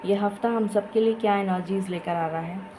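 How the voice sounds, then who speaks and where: A woman giving a tarot reading in a slow, effortful way, tired and with a dry throat. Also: medium pitch, steady tone, dark tone, a little hiss or hum, rough recording. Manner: slow, tired, effortful Hindi-English mix with many pauses. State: low energy, dry throat. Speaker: tarot reader. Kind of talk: casual tarot reading to camera.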